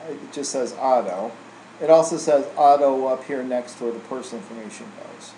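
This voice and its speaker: Speaking at a moderate pace and medium pitch, a man shows the steps of some software in a relaxed, informal trainer style, often asking "right?" after statements. It's a screen-recording voice-over made indoors, echoey, with a faint hum of air-conditioning.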